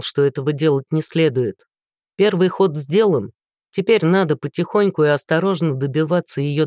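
A woman narrating a romance novel in an even, matter-of-fact storytelling voice. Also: on the low side, dry recording, studio quality. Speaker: audiobook narrator. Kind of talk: scripted narration.

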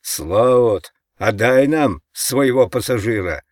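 Man as hoarse jeering male trolls, loud, raised voice, dry audiobook read. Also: mid-range voice, expressive, slow, dry recording, voice pushed up. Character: mocking hoarse mob of male trolls outside. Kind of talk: audiobook character voice.

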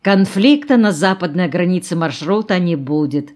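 A woman narrating an audiobook novel in a calm, even storytelling manner. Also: fairly low pitch, moderate pace.

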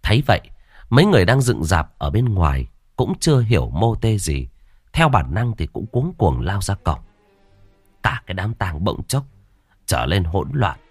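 Deep-voiced man telling a ghost story. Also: normal speed, breathy edge, no echo. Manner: dramatic, lively storytelling.

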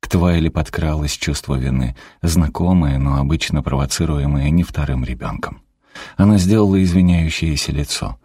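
Low, husky male audiobook narrator. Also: moderate pace, a little mellow, dry recording, clean studio sound.

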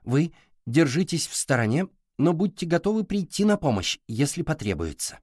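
A man's voice: fairly high pitch, very animated, normal speed, a little mellow, dry recording, studio quality, voice pushed up. A man voicing a determined young girl inventor who presses with eager questions.

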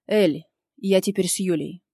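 A woman voicing a cold, stubborn young man with flat, clipped lines in an audiobook. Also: on the low side, unhurried, no echo, clean studio sound. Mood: cold firm. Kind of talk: audiobook dialogue.

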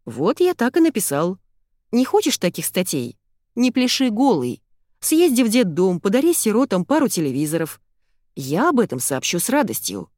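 A breezy, fearless journalist talks in a jaunty, matter-of-fact way, as a woman narrator reads him. Her lively pitch swings stay close to the dry, close audiobook sound. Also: normal speed, no room sound.

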